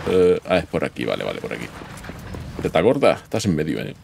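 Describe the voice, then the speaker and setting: A man's voice: a bass voice, very animated, brisk, vocal fry, a little mellow, slight background noise. A man giving casual gameplay commentary, chatting to himself as he plays and letting out sudden yelps. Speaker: gaming YouTuber. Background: game music.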